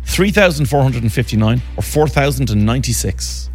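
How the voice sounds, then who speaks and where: A man's voice: mid-range voice, expressive, fairly quick, darkish tone, faint music behind. An Irish man hosting a live radio quiz with casual, jokey, teasing banter. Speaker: radio host and quizmaster.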